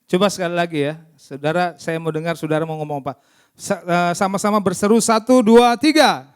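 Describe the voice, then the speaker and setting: Male preacher, high voice, chatty and interactive, keeps quizzing the congregation. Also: fast, clean tone. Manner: lively, keeps asking the congregation questions. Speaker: pastor. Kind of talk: interactive sermon. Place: church service.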